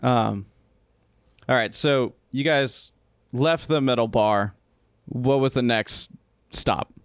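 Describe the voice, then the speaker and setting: A man's voice: mid-range voice, takes it slowly, clear, resonant tone, dry recording, clean studio sound. A man hosting a podcast, chatting casually, joking and asking follow-up questions. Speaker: podcast host. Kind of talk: casual interview chat.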